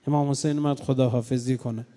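A man preaching a mourning sermon, swinging between loud cries and low, grieving tones. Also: steady tone. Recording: long hall reverb.

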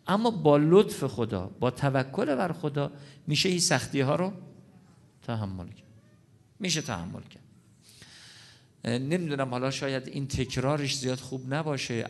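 Earnest man preaching a sermon. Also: mid-range voice. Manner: earnest, explanatory, addresses audience directly.

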